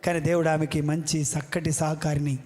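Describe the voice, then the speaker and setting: A man's voice: fairly high pitch, little pitch movement, moderate pace, darkish tone. Man, pastor, scolding sermon, calls out to the congregation, echoey hall. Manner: fiery, scolding, questions the congregation. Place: church hall.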